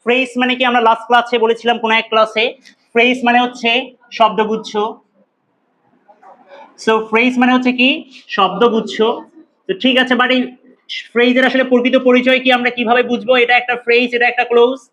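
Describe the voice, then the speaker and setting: High-pitched male language teacher. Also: flat delivery, fairly bright tone. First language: Bengali. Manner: asks the class questions and answers them himself; repeats words slowly to drill pronunciation. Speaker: English teacher. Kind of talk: recorded classroom lecture.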